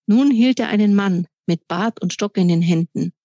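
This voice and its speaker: A woman author reading aloud from her children's book in calm, measured storytelling. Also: medium pitch, no echo. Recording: dry, slightly dull recording.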